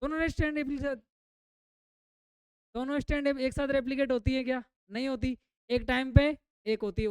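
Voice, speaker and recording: A woman's voice: fairly high pitch, darkish tone, clean tone, no room sound. A woman biology teacher giving a classroom lecture. She keeps asking her students questions and then repeats the answers herself, mixing English terms into her explanations.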